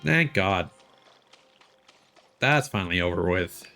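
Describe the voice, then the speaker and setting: A man who livestreams as a VTuber chats casually while playing a video game, with game music behind him. His deep voice is expressive, creaky, and sharp in tone, and he speaks slowly.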